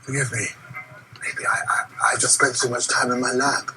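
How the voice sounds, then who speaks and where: An actor playing an anxious nuclear scientist who speaks hesitantly and gravely. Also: male voice, medium pitch, flat delivery, moderate pace, noisy background, lightly acted. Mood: troubled. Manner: hesitant, self-doubting, then grave.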